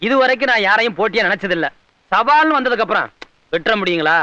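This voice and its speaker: An actor playing a confident young folk dancer, self-assured and proud, in a 1980s film drama. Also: male voice, sits high, expressive, fast, sharp tone, dry recording. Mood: polite. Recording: dull lo-fi film soundtrack.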